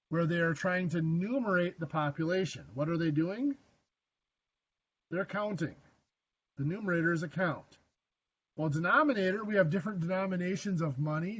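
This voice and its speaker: Higher-voiced man teaching math in class. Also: a bit bright, husky, highs cut off. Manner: dry joking asides, self-deprecating; asks the class questions. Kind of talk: classroom lecture.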